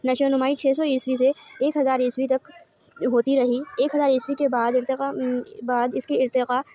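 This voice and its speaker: In this online lecture on course notes, a female teacher speaks in a high, dark voice with a flat delivery. She poses questions to herself, supplies the answers, and rephrases every point.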